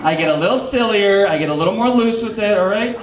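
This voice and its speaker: A man with a fairly high voice does stand-up at an open mic, rambling and chatting with the crowd. His delivery is loose and full of asides. The sound rings around a roomy club. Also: lively intonation, fast talker. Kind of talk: stand-up comedy with crowd work. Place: comedy club stage.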